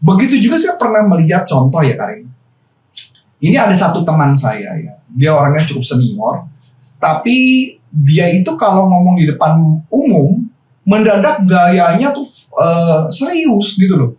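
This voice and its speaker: A man with a fairly high voice explains business calling in a loose, chatty coaching style. He sounds set back from the mic in a roomy, echoing space. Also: moderate pace. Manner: relaxed, explanatory, mixes slang and English phrases. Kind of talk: casual coaching talk. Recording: echoey room from far off.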